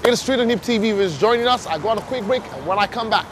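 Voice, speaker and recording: Lively Nigerian host on a street. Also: male voice, sits high, very fast, noisy background. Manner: lively, hyped presenter banter with pidgin. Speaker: show host. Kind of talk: street interview. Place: busy city street outdoors.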